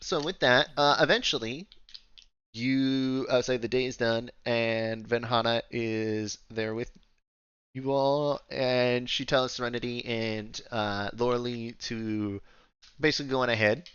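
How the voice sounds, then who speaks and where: A man's voice: medium pitch, steady tone, a little slow, a bit bright, clean tone, dry recording, highs cut off. Rambling, playful male game master. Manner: rambling, playful, full of "like" fillers. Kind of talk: narrating a tabletop game.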